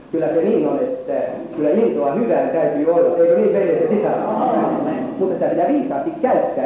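A man's voice: on the high side, warm tone, recorded from a distance, a little hiss or hum. Fervent male preacher in an echoey hall. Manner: fervent preaching with rising and falling intensity. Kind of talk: sermon. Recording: echoey hall recorded from afar.

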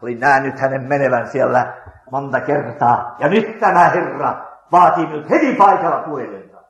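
Old preacher telling a story, echoey. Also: male voice, medium pitch. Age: older. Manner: dramatic, slow and hesitant with frequent fillers. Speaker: missionary preacher. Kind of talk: storytelling testimony.

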